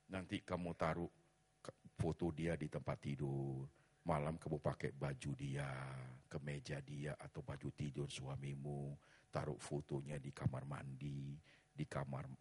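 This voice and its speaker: Casting: middle-aged male preacher, very low husky voice, dramatic swings in volume. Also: big-room sound. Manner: acts out congregants' complaints in high strained voices, mixing English phrases; swings from quiet to loud. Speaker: pastor. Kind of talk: sermon.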